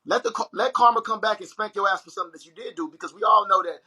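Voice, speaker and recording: A young man hosts a casual livestream and talks straight to his viewers. His voice is high, very bright and husky. He tells his story in an animated way. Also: very fast, poor audio. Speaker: livestream host. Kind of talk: casual chat.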